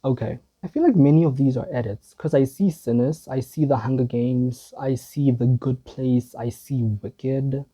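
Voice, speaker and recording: A man's voice: medium pitch, normal speed, hardly any pauses, mellow, slightly rough. A man making casual reaction commentary for his video channel, rambling and hesitant, with a self-deprecating, wandering way of talking. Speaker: video creator.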